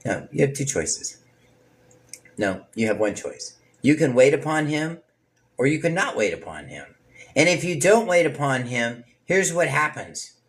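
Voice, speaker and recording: A man leading an informal Bible study sermon, talking straight to his listeners with asides and acting out what people say. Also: mid-range voice. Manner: casual, preachy, talks straight to listeners with asides; animated, acts out people's words in varied voices.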